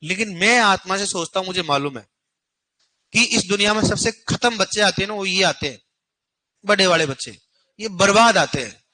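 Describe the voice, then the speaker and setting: Brief: young male coaching teacher, high-pitched, blunt, scolds the class. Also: animated, moderate pace, bright, forceful tone, poor audio. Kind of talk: classroom lecture scolding students.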